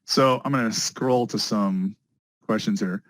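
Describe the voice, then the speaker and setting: A man teaching a test prep class live, energetic and talking straight to his students, often repeating key words. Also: on the low side, a little slow, no echo, low-quality recording. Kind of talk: live online class lecture.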